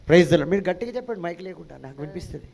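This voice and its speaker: A man's voice: high-pitched, expressive, very fast, gravelly, darkish tone. A male pastor preaching a sermon, calling out to the congregation for responses and dropping in English phrases.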